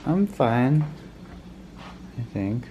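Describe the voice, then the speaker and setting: A man's voice: medium pitch, very animated, very slow, mellow, lo-fi sound, slight background noise. A young man chatting casually in a daily vlog, laid-back and rambling, with lots of fillers. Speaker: vlogger.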